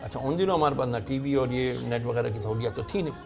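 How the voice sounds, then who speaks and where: A man's voice: mid-range voice, faint music behind. A middle-aged man, a religious scholar on a talk show, earnestly telling a long story and acting out the voices he quotes.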